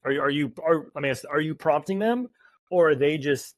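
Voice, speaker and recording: A man's voice: a little high, brisk, no room sound. A male podcast host asking questions in a casual, rambling way, restarting as he goes.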